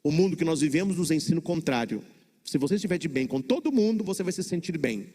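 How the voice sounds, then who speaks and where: Brazilian priest giving a sermon, highish voice, lots of pauses and repeats, long church echo. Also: male voice, expressive, dark tone, a little hiss or hum. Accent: Brazilian Portuguese. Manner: preaching with dramatic pauses and repetition.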